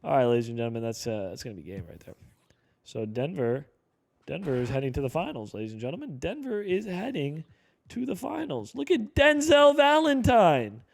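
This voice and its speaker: Excitable young man calling video game plays. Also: a little high, a little fast, gravelly, dry recording. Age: 20s. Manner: excitable, calls plays aloud with sudden shouts. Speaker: gaming YouTuber. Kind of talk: casual play-by-play game commentary.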